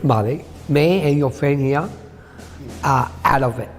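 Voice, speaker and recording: Male host, unhurried, plain halting phrasing, echoey room with faint hiss. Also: medium pitch. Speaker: host of an eating challenge. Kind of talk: casual chat.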